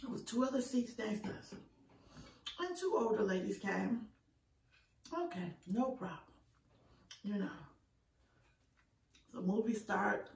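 A woman's voice: medium pitch, lively intonation, measured pace, pauses often. A middle-aged woman telling stories casually while eating, her mouth sometimes full. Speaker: vlogger. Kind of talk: casual chit-chat storytelling during an eating show. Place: indoor room, green-screen backdrop. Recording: roomy echo, distant microphone.

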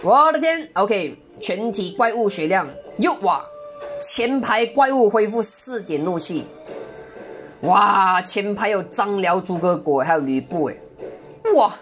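A woman doing excitable live gameplay commentary, full of exclamations and mild curses. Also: medium pitch, measured pace, soft background music. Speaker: game streamer.

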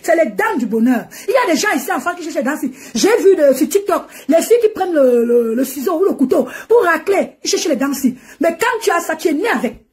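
A woman's voice: sits high, very animated, fast, few pauses, a little mellow. A woman ranting and mocking on a live stream from home, laughing often as she talks into her phone. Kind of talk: animated Facebook live rant.

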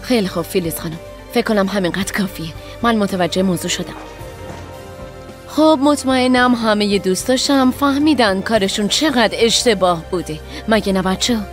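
An actress dubbing a composed, polite schoolteacher addressing a class. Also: female voice, medium pitch, soft background music, close to an everyday voice. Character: calm schoolteacher. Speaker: teacher. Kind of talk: Persian dub of a TV drama.

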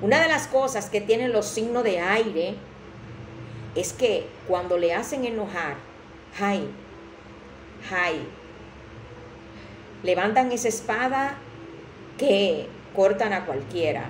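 A woman's voice: mid-range voice, animated, slow pace, pauses often. Chatty Dominican woman reading tarot, roomy echo. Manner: chatty, dramatic, acts out the other person's lines. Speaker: tarot reader. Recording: roomy echo with faint background noise.

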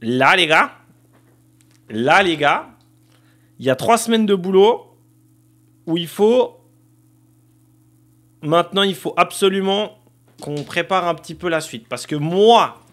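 A man's voice: sits high, expressive, slow pace, pauses often, fairly bright tone. A young man casually commenting on a football career game, thinking aloud with many fillers and addressing viewers directly. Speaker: gaming streamer.

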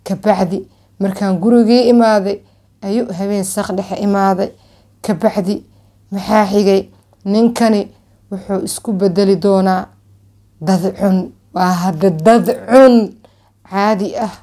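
Young somali lady telling a dramatic story, soft dark tone, medium pitch, really leans on and drags out words. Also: steady tone, measured pace, pauses often. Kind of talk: dramatic oral storytelling to camera. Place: small furnished room at home, indoors.

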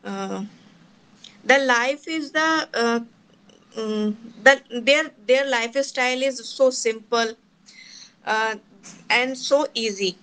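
A woman learner with a North Indian accent and native Hindi gives a halting speaking-practice talk. Her voice is clear and a little high. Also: a bit bright, rough recording. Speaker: English learner in an online class.

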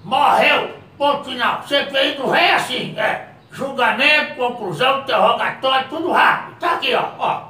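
A man puts on a feisty old self-styled king, high-pitched and brassy, hurling insults and threats in a comic sketch. The voice sits a little off the mic in an echoey room. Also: moderate pace, distant mic. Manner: rowdy, insulting, yelling threats. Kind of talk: comedic character sketch.

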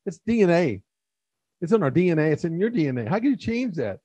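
A man hosting a podcast in casual chat, joking with wry deadpan asides and frequent swearing. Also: a little high, fast, slightly rough, dry recording. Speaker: podcast host.

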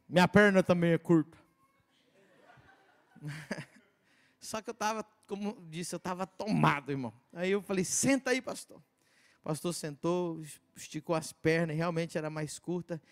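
Animated high-voiced male preacher. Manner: animated storytelling, acting out quotes, swinging from shouts to hushed asides. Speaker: pastor. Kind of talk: sermon testimony.

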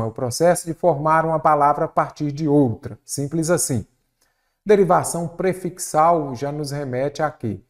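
A man's voice: on the high side, darkish tone. A male teacher with a Brazilian Portuguese accent, walking through exam questions step by step and asking his listeners questions as he goes. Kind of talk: exam prep lesson.

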